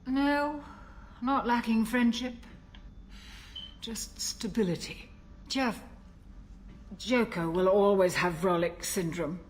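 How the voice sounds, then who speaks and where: An actress playing a calm, wry older female military ship's doctor in a video game, speaking in a gentle, reflective way. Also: medium pitch, slight background noise, close to an everyday voice. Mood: wistful. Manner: gentle, reflective, measured delivery. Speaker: game character.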